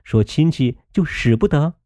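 Male reader doing an earnest young nobleman; eager, placating, dark-toned. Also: fairly high pitch, expressive, moderate pace, no echo, clean studio sound, voice pushed up, lightly acted.

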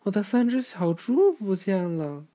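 A woman's voice: a bass voice, animated, moderate pace, mellow. A woman voicing a worried mother pig in a storybook, calling out urgently for help. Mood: frantic. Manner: urgent, raised voice.

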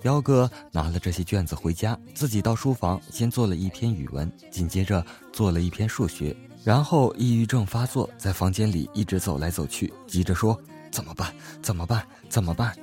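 A man telling comic stories in a lively way, voicing the people in them. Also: deep voice, fairly quick, hardly any pauses. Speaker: joke narrator. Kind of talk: comic storytelling of jokes. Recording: faint music behind the voice.

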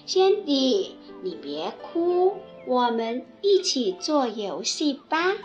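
A woman voicing a friendly velvet toy bear in a storybook, inviting and gentle. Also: high-pitched, sing-song, slow pace, muffled recording, faint music behind, full character voice.

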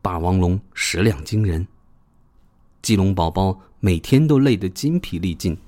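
Deep-voiced narrator reading a kids story, gentle and expressive. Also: measured pace.

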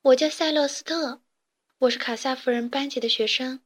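A chirpy young alien chick, a little boy from the stars who explains things with eager pride, as a woman reading a storybook puts him on. The voice sits fairly high and bright in the story's cheerful tone. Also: steady tone, normal speed. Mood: lively. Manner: chirpy, eager and a bit proud. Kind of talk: storybook character voice.

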